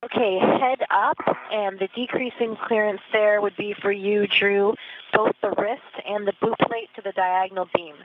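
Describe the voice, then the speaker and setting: A woman operating a robotic arm, giving measured, precise callouts over a crackly spacecraft radio link. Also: mid-range voice, fairly even intonation. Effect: crackly space-to-ground radio link. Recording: tinny narrow radio band.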